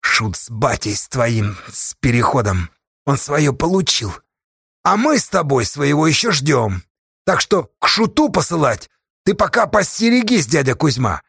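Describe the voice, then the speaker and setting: A man's voice: a little high, very animated, a little slow, vocal fry, a bit bright, slightly rough, no echo, studio quality, heavily acted. A man voicing a bold, stubborn young man who presses and challenges an older elder. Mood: defiant. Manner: pressing, defiant.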